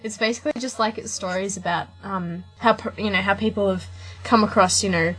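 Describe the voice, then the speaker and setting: A woman's voice: mid-range voice, steady tone, brisk, fairly bright tone, husky, faint music behind, low-quality recording. An Australian woman co-hosting a casual podcast, chatting in a giggly, rambling way. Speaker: podcast co-host.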